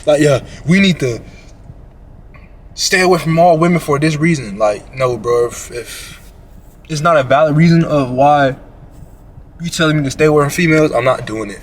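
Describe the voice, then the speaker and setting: At a moderate pace broken by frequent pauses, a slightly high-voiced man co-hosts a relaxed reaction commentary. He's a slangy, meandering storyteller who speaks right to his audience.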